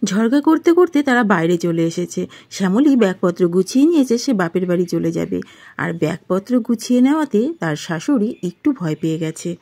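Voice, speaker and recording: A woman narrating a cartoon folk story in a plain, steady storytelling manner. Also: lowish voice, fairly quick.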